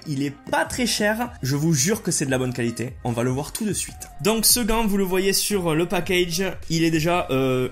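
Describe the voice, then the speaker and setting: Chatty French vlogger man, enthusiastic. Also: fairly high pitch. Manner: casual, enthusiastic, many fillers and hedging "hein", "quoi". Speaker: YouTuber. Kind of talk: unboxing and product review vlog.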